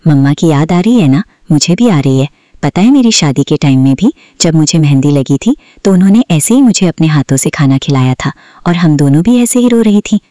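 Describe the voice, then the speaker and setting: A woman's voice: deep voice, animated, fairly quick, mellow, no room sound, clean studio sound. A woman voicing a sulky, playful young bride in a storybook. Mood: tearful. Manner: pouty, teasing.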